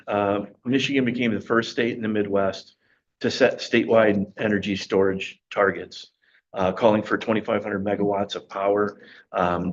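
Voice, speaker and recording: A man presenting a planning report at a county board meeting, halting with many ums as he loses his voice, on dull lo-fi meeting audio. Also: lowish voice, slight background noise. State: losing his voice.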